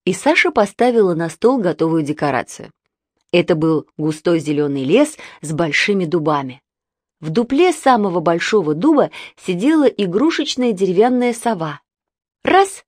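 A woman narrating a children's audiobook in an expressive storytelling manner. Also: on the low side, normal speed, dry recording, clean studio sound.

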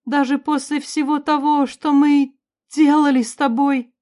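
A woman reading an audiobook, voicing a tearful older queen mother who speaks high, loud and slow. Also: little pitch movement. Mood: tearful, pleading.

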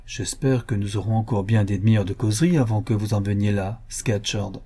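Man doing a quiet doctor, husky, dark, measured. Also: lowish voice. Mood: earnest. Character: calm, earnest male country doctor.

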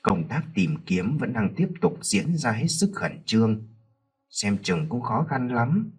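A man narrating a horror story in a dramatic, expressive way. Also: lowish voice, a little slow, slightly rough.

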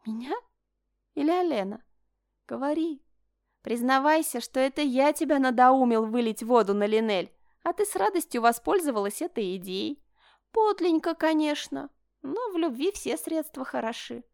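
A woman's voice: high-pitched, lively intonation, moderate pace, darkish tone, no echo, studio quality, pitched above the performer's own voice. Sneering storybook nobleman, taunting and sing-song, voiced by a woman narrator. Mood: gloating. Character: sneering mocking male noble brother, smug.

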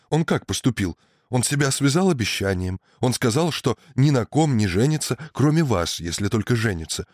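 A man's voice: medium pitch, no room sound, clean studio sound, lightly acted. A man voicing a timid, earnest young man in a literary radio reading, eager and pleading as he consoles someone. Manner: eager, pleading, rising in excitement.

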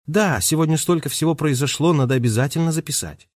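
A man reading aloud puts on a raised, bright-edged voice for a shy, defensive teenage girl who turns into a parrot. She answers quickly, in a dry, close storybook reading. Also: on the high side, dry recording, voice pushed up, close to an everyday voice.

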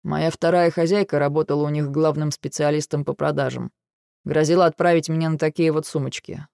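A man voicing a weary, dry-witted male dragon in an audiobook, with a gravelly, restrained delivery. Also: fairly high pitch, fairly even intonation, fairly quick, a little mellow, dry recording. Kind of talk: audiobook dialogue reading.

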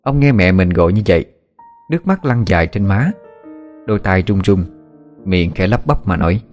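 Low-voiced male story narrator. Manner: steady, measured storytelling. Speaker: audiobook narrator. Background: soft background music.

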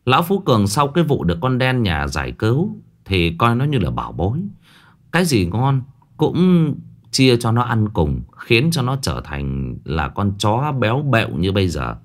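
A man narrating a ghost story with dramatic, expressive delivery. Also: on the low side, normal speed.

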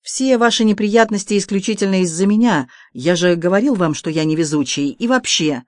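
Август, a reader voicing a touchy young gentleman. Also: mid-range voice, dry recording, studio quality, lightly acted. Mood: flustered. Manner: fussy, quick to take offence. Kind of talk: audiobook character voice.

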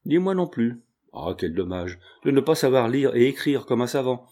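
A man's voice: medium pitch, big pitch swings, moderate pace, dark tone. A man reading as a fretful old peasant mother. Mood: chatty. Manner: lamenting, exclamatory. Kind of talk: audiobook reading.

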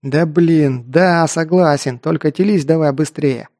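A battle-hardened mercenary, as a male narrator puts him on, gravelly and short-tempered. He barks orders and swears at his partner in an audiobook scene, his voice dark and close. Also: fairly high pitch, unhurried. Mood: shouting angrily.

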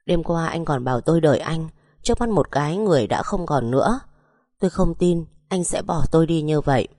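A woman's voice: low voice, expressive, brisk, warm tone, no echo, clean studio sound. A woman narrating a romance story in the first person, reading the dialogue with emotion.

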